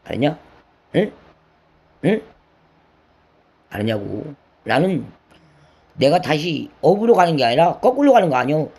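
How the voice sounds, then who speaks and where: Older man nagging in a lively, high voice. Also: a little slow, vocal fry, long pauses. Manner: lecturing, nagging tag questions, coarse words; slips into sung lines and acted quotes. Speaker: elder lecturing a listener. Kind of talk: rambling scolding monologue.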